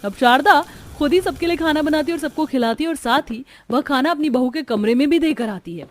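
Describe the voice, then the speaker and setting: A woman giving steady scripted narration for an animated family story. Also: high voice, brisk.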